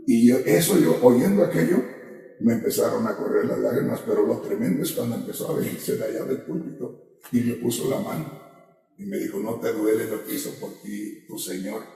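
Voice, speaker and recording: A man's voice: mid-range voice, animated, moderate pace, vocal fry, dark tone. A man, a pastor giving an impassioned personal testimony during a sermon, his voice rising to cries when he quotes his prayers. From Mexico. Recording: echoey hall from far off.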